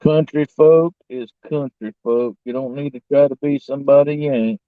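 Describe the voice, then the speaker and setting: A man's voice: medium pitch, fairly even intonation, normal speed, no room sound. A man with a rural American accent, chatting in a folksy, casual way as a livestream host. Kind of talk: casual chat. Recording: dull lo-fi audio.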